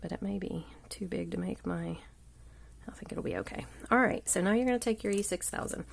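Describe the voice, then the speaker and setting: With a gravelly voice thickened by a cold, a woman presents a casual live craft tutorial from an indoor table, an overhead camera on her hands. She speaks at medium pitch and a little fast. She's talkative and wandering, often slipping into a murmur.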